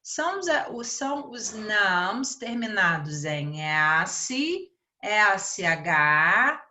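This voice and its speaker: Slow, bright-voiced Brazilian teacher woman. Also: medium pitch, very animated. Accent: Brazilian Portuguese. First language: Portuguese. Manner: explains slowly, repeats words and asks "né?". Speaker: English teacher. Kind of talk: online grammar lesson.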